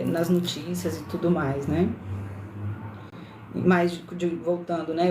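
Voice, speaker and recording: Hosting a relaxed livestream, a woman with a warm, mid-range voice and a lightly mixed accent from Brasília, Brazil, throws in frequent tag questions and self-corrections. The sound is roomy and echoey, with a faint hiss or hum.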